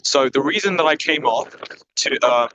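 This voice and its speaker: A man's voice: a little high, animated, normal speed, sharp tone, no room sound, low-quality recording. A man on a video call argues formally, hesitating with fillers. His earbud audio keeps cutting out, so his volume rises and falls unevenly. The sound is dry and close. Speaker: caller in an online debate. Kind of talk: live debate on a voice call. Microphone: wireless earbuds.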